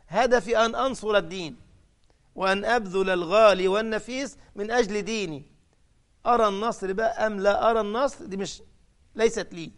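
With an Egyptian Arabic accent and a voice that runs high for a man, this preacher dramatizes his story, getting louder for the cries he quotes and pressing down hard on the main points.

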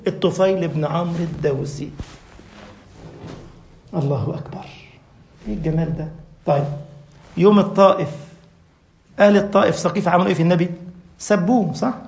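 A man with an Egyptian accent preaches a mosque sermon at a quick clip, his voice pitched high. He grows impassioned and climbs to near shouting at his peaks. The hall around him rings with echo. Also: steady tone. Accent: Egyptian Arabic.

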